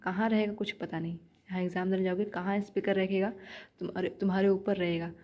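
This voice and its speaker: A woman's voice: mid-range voice, level tone, brisk, highs cut off. A young woman giving chatty shorthand practice tips in a casual vlog, repeating her points as she coaches viewers. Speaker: shorthand learner vlogger.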